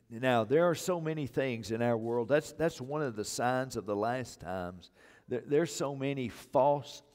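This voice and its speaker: Older guy preaching slow and emphatic, repeats himself for punch, long church echo. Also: mid-range voice, darkish tone. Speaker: pastor. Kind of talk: sermon. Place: church sanctuary stage, indoors. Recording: long reverb of a church hall.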